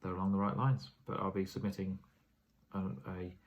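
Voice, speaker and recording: A man's voice: sits low, little pitch movement, normal speed, lo-fi sound, a little hiss or hum. A tired man giving a casual vlog update on his property investing, rambling with plenty of fillers and self-corrections. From England.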